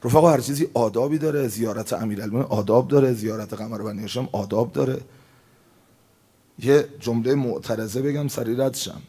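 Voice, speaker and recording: A man preaching a religious sermon in an impassioned way, rising to emphatic outbursts and dropping low again. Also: warm tone, breathy edge.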